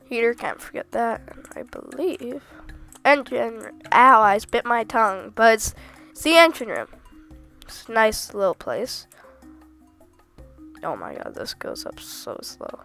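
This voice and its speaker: A woman who is sick with a cold, chatting casually and rambling through gameplay commentary with sudden excited exclamations. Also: a little high, a little slow, faint music behind. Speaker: gaming video host.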